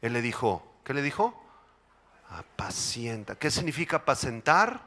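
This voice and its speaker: A male pastor with a Mexican accent delivers a sermon to his congregation. His voice is bright and slightly high. He swings from sudden loud bursts to soft, slow, hushed lines. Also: very animated. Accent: Mexican Spanish.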